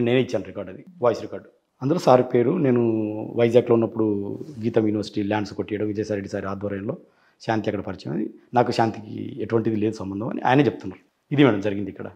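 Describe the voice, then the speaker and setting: A man's voice: lowish voice, very fast, dark tone, lo-fi sound. A man as an interview guest, telling his side insistently and acting out past phone calls. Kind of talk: rapid interview account.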